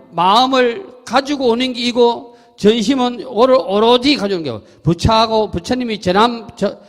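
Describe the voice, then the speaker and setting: Lively Gyeongsang monk in a reverberant hall. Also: male voice, sits high. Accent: Gyeongsang Korean. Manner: lively, chatty, laughs often, asks listeners questions. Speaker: Buddhist monk giving a dharma talk. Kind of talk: sermon with storytelling. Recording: temple hall with long reverb.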